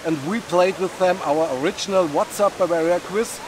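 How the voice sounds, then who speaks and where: A man's voice: high voice, steady tone, moderate pace, background noise. A man, co-hosting a travel vlog and narrating location facts in an upbeat way. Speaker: co-host. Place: busy city square outdoors.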